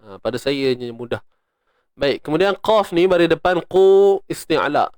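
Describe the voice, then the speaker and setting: A man's voice: a little high, animated, a little slow, a little mellow, smooth, no room sound. A man with a Malaysian Malay accent teaching Quran recitation rules, explaining step by step and chanting verses in a raised voice. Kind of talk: tajwid lesson with recitation.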